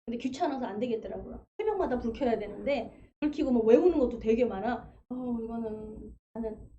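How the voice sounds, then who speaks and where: A woman's voice: a little high, fairly quick, dark tone, muffled recording, a little hiss or hum. A woman pastor preaching a sermon in a conversational, storytelling way, acting out quotes as she goes. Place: church sanctuary.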